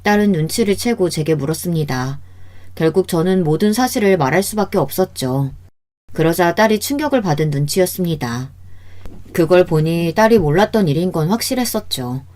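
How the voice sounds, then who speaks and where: Brief: female storyteller, scripted first-person narration, steady and even. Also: on the low side, a little fast.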